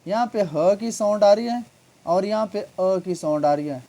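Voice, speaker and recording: A man teaches a grammar lesson in a mellow, relaxed voice. He explains each point patiently, repeats himself and keeps checking that his listeners are following along. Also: sits high, normal speed. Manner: patient, repetitive, keeps asking "okay?".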